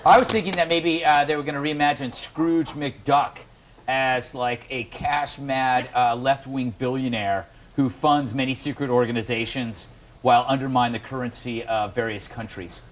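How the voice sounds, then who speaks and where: A man hosting a late-night panel show, tossing out sarcastic, deadpan jokes. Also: medium pitch, normal speed. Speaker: talk show host.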